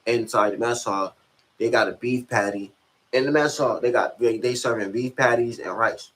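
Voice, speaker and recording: A man's voice: mid-range voice, steady tone, moderate pace, a bit bright, poor audio. A young man casually tells a story, slangy and profane, often checking that the listener follows. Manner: slangy, profane, keeps asking if you follow. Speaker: rapper and channel host.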